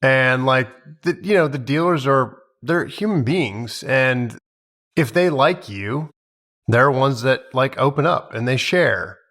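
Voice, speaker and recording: A man's voice: medium pitch, expressive, slow pace, fairly bright tone. A man on a casual roundtable, speaking bluntly and giving strong opinions. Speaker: podcast panelist and advantage player.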